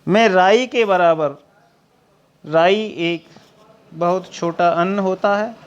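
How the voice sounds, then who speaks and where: A man with a high, smooth voice teaches a poetry lesson at an unhurried pace. He walks through each verse line by line in plain words. The recording sounds dull and lo-fi. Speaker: Hindi literature teacher.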